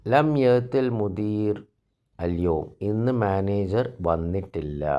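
Male Arabic teacher, native Malayalam speaker, very deep, gravelly, slow, reads phrases then explains. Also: darkish tone, dull audio. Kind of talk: recorded grammar lesson explaining exercises.

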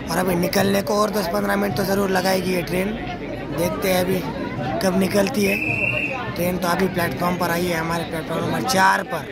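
A man's voice: high-pitched, vocal fry. A man narrating a travel vlog from a railway station and train, talking to viewers as friends. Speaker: travel vlogger. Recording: loud station crowd and noise.

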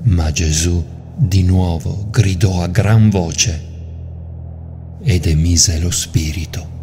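A priest giving a measured, solemn liturgical scripture reading. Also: male voice, deep voice, warm tone, slight background noise. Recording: music playing underneath.

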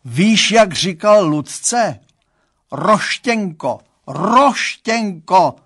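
A man voicing an excitable, jovial middle-aged father with theatrical outbursts, in an audiobook reading. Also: fairly high pitch, voice pushed up. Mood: exasperated.

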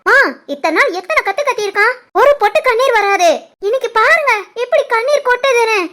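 A stubborn, teasing young wife in a cartoon family comedy, voiced by a woman, speaking with a Tirunelveli Tamil accent. Her voice sits extremely high, squeaky and cartoonish, playful and insistent. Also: brisk, sharp tone. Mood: complaining. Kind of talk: animated family comedy voice acting.

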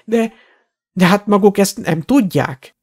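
A man's voice: darkish tone, breathy edge. Borgin, a stammering frightened old shopkeeper, as a man puts him on. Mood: nervous. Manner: high, stammering and pleading. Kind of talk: audiobook character voice.

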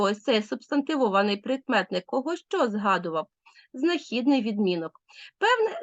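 Lively-voiced woman teacher, dry lo-fi sound. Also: medium pitch, no room sound. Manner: asks leading questions and answers them herself. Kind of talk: recorded grammar lesson.

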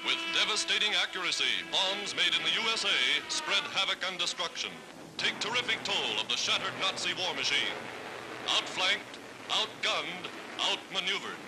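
High-pitched old newsreel narrator. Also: male voice, animated, moderate pace, low-quality recording. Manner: dramatic, rousing delivery. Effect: old newsreel sound. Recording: old newsreel with music behind.

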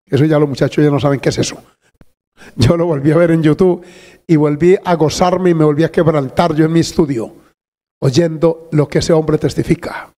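Older male preacher, high-pitched and fervent, church hall reverb. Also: steady tone, moderate pace, dark tone. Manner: fervent, exclamatory, interjects hallelujahs. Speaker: pastor. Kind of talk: sermon. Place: church sanctuary.

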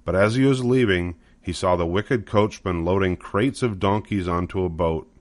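An older man narrates a children's story in a fairly low voice, using scripted storybook phrasing at normal speed. The recording is close and dry, with no echo.

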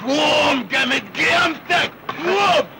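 A man's voice: very high-pitched, unhurried, gravelly, heavy background noise, heavily acted. An actor playing a rude, bossy work foreman barking orders, with an Egyptian Arabic accent.

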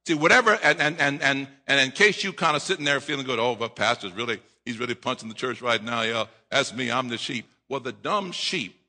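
A middle-aged man preaching a sermon at a lectern, acting out voices, repeating himself and rising to shouts. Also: medium pitch, brisk, few pauses. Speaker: pastor. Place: church sanctuary at a lectern. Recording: long reverb of a church hall.

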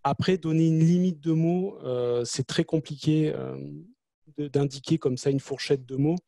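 A man's voice: on the high side, normal speed, creaky, mellow, no echo. A man on a webinar panel answering a question hesitantly, with many restarts, over a video call. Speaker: project manager, panelist.

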